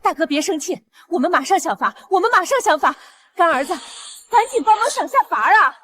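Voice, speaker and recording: A woman's voice: very high-pitched, very animated, a little fast, a bit bright, full character voice. An actress in her fifties playing a pushy village mother who nags and scolds. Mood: flustered. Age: 50s. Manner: nagging, scolding. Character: shrill, pushy middle-aged village mother. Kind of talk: short drama acting.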